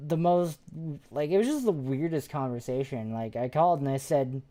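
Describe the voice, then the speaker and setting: Low-voiced woman chatting on stream. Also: expressive, moderate pace, dark tone. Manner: rambling, chatty, with frequent restarts and fillers. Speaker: paranormal investigator and streamer. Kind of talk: casual live-stream chat.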